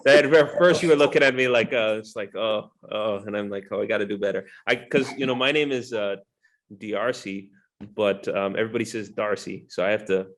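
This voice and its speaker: Chatty host with a lowish voice. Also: male voice, brisk. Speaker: interview host. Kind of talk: casual interview chat.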